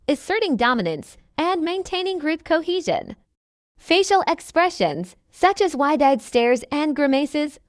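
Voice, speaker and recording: Female nature documentary narrator, high voice, lively intonation, measured instructional read. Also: no echo, clean studio sound.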